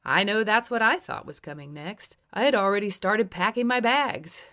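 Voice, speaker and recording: A woman's voice: medium pitch, lively intonation, normal speed, a bit bright. Woman narrator, memoir audiobook, wry, blunt storytelling, mid-range voice.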